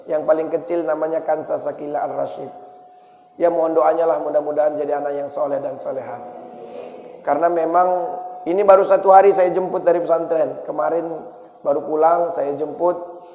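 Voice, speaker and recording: A male preacher with a Medan accent giving a Ramadan sermon, telling lively stories and asking his audience direct questions. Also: on the high side. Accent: Medan Indonesian. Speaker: ustaz preacher. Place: prayer hall. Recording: echoey prayer hall, dull sound.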